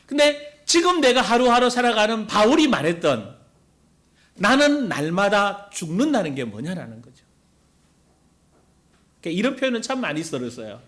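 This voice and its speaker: Lively high-voiced Korean pastor preaching. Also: male voice, moderate pace, long pauses. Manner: conversational preaching, asks the congregation questions and acts out quoted complaints. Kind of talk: sermon.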